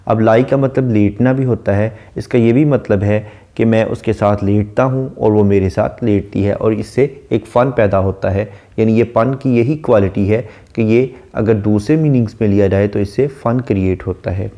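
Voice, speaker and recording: A man giving a literature lecture, reading English verse lines slowly and then explaining each one. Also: lowish voice, warm tone. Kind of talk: lecture explaining a poem line by line.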